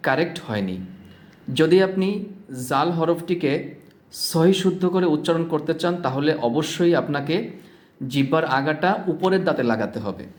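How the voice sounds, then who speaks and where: A man with a Bangladeshi Bengali accent, teaching Quran pronunciation and repeating each letter sound slowly as he demonstrates. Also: fairly high pitch. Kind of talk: pronunciation lesson.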